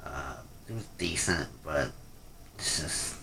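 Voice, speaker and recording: A man's voice: rumbling low, lively intonation, takes it slowly, vocal fry, heavy background noise. A man giving a casual, off-the-cuff rant review, rambling and hesitant, often trailing off, with a critical, unimpressed manner. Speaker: wrestling pay-per-view reviewer.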